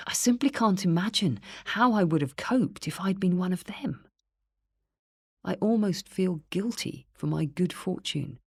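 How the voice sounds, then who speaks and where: A woman with a low, deep-set voice reads her own memoir aloud in a quiet, earnest, reflective way. The recording is close and dry, with no room sound. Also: creaky, husky, no room sound. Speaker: memoir narrator. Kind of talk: first-person memoir reading.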